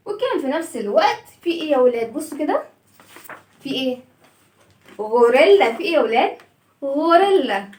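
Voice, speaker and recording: High-voiced woman teaching kids, echoey room. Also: darkish tone, far from the mic, slight background noise. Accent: Egyptian Arabic. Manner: sing-song, asks the kids questions and answers herself. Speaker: children's reading teacher. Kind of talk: lively lesson for young children.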